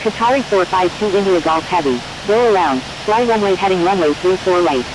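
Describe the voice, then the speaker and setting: Sounding close to her everyday voice, a woman talks fairly quickly in the clipped, by-the-book headset language of air traffic control and pilot radio calls for a flight simulator. A clear, steady hiss and rumble runs beneath her.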